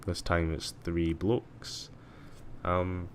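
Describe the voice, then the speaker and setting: Low-voiced man streaming a game. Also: completely flat delivery, drawn-out words, slight background noise. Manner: chatty, self-mocking, mutters while playing. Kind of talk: casual gameplay commentary.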